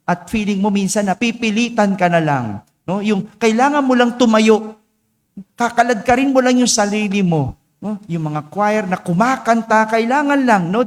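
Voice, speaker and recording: A Filipino priest with a high voice and a slightly hoarse edge preaches in a conversational way, checking in with his listeners again and again. His voice rings with the long reverb of a large church hall. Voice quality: hoarse after vocal cord surgery. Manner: conversational, keeps asking "no?" and "di ba?". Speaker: parish priest. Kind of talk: sermon.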